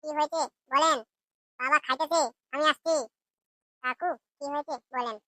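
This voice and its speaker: A woman's voice: high-pitched, fairly even intonation, normal speed, pushed and bright, dry recording. A woman voicing a worried young married woman in a comic cartoon, anxiously pleading for help.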